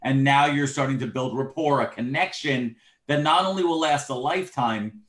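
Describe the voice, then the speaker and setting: A man with a middle-pitched voice explains practice advice in a casual livestream chat, building his points out of vivid analogies. The sound is roomy, with a clear echo around him. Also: normal speed, a bit bright. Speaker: chiropractic practice coach.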